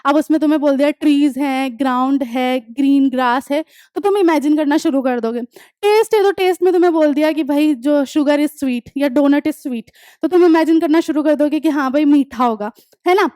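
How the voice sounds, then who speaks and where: A young woman teaching an English lesson online, explaining step by step, often checking that students follow, and reading examples slowly. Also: sits high, mellow, no echo, studio quality. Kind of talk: online class lecture.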